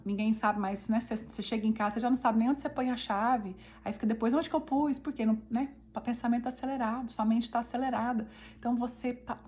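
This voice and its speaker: A woman with a Brazilian Portuguese accent leads a relaxed devotional talk in a slightly high voice. She often turns to her listeners to check in, and she slows down to stress her points. She sounds like a friendly teacher talking with her group. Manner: chatty, often asks the listeners "né?" and calls them "gente".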